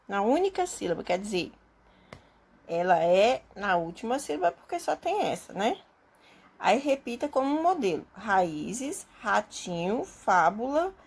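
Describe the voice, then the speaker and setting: A woman teacher slowly explaining a homework assignment to her students step by step, often checking that they understand. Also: a little high. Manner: slow and patient, explaining step by step with many checks. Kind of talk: recorded remote class lesson.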